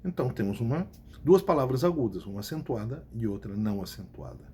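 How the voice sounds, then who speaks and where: A man's voice: medium pitch, big pitch swings, fast talker, a little mellow, slightly rough. A man with a Brazilian Portuguese accent, teaching a recorded lesson to his class. He repeats key points and stops to check that students follow. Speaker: Spanish teacher.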